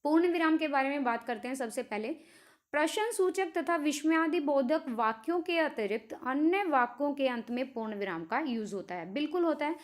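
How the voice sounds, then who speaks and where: High-voiced woman teaching grammar. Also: expressive, a little fast. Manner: explains step by step, mixing English words in, with fillers. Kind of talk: exam-prep lesson.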